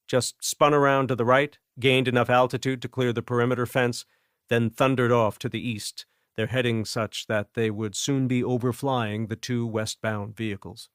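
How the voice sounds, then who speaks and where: A man reads an audiobook aloud with a steady, measured storytelling delivery. His voice sits in the mid-range, and the studio-quality recording is dry, as befits scripted narration.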